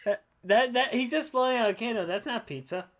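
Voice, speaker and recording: A man co-hosting a casual streamed podcast, snarky and quick to laugh, swearing freely. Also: extremely high pitch, fairly bright tone. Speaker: podcast co-host. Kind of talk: casual chat on a live stream.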